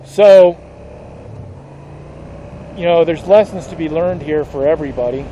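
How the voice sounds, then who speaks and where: A man talks into his camera for a somber motorcycle vlog, speaking slowly and haltingly as he holds back tears. His voice sits a little high. Steady traffic noise from the road carries behind him. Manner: slow, halting, emotional, choking back tears. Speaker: motorcycle vlogger.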